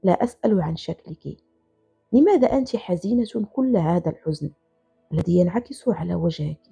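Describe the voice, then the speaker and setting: A woman voicing a gentle old basketball coach. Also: on the low side, expressive, fairly quick, gravelly, slightly rough, voice pushed down, heavily acted. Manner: gentle, consoling. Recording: slightly dull, soft music behind.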